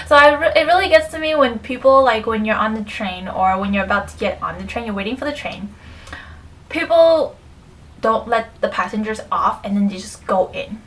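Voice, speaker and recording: Young female vlogger, casual filler-heavy chat, slightly raised pitch, mic set back with a faint hiss. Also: normal speed, fairly bright tone, far from the mic, low-quality recording. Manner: chatty, many fillers, drops to near whisper.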